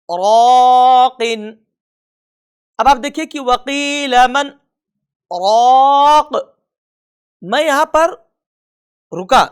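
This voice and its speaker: A man teaching a recorded tajweed lesson, patiently repeating each rule and reciting the examples slowly and drawn out. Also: extremely high pitch, fairly bright tone. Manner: slow, drawn-out recitation of examples between plain explanation. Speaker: Quran reading teacher.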